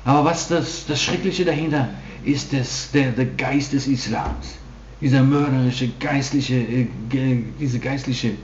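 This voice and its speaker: A man's voice: mid-range voice, slight background noise. A man preaching a sermon to a congregation, emphatic, often restarting his sentences. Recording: dull roomy hall recording.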